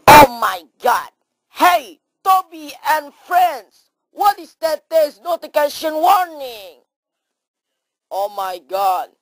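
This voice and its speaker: Jumpy high-voiced woman, exclaiming. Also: lively intonation, slow, no room sound, low-quality recording. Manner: broken English, frequent exclamations, jumps between voices. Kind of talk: improvised comedy skit.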